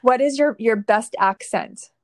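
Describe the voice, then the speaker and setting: A woman's voice: a little high, dry recording. Affirming woman host, dry close sound. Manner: warm, affirming, asks measured questions. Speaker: interview host. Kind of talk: casual interview conversation.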